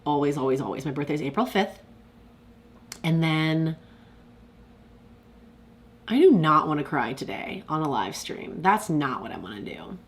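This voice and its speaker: Reading viewer comments aloud during a laid-back live stream, a young woman talks in a low voice with big pitch swings. Her manner is chatty and confessional, peppered with "like" and quick laughs.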